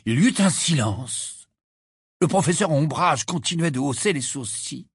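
A man's voice: fairly high pitch, animated, moderate pace, breathy edge, dry recording, studio quality. A man reading a novel aloud expressively, with an occasional filler. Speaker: reader.

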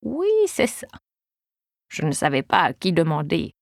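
A woman reading an audiobook, voicing a naive, chatty 81-year-old woman who talks in a rambling, gentle way. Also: lowish voice, animated, measured pace, gravelly, no room sound, studio quality, full character voice. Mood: pleading.

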